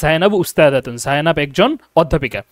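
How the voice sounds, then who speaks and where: A young man teaching an online Arabic class, explaining slowly and often checking that students understand. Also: on the high side, lively intonation, no room sound, studio quality. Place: lives and teaches from abroad.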